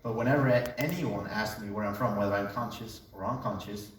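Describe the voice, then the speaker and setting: A young man from Colombia tells his story as a casual testimony, relaxed and joking. His voice sits a little low and comes from some distance from the mic. The room around him rings with heavy echo, and a faint hum runs underneath. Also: brisk. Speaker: speaker giving a testimony. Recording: echoey room, voice away from mic.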